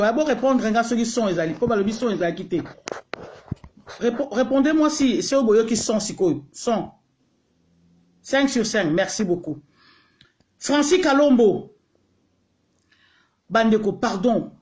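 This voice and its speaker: A Congolese man hosting a casual live stream, greeting viewers one by one in a heated, repetitive way. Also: high-pitched. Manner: mixes French and Lingala, heated. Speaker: livestream host.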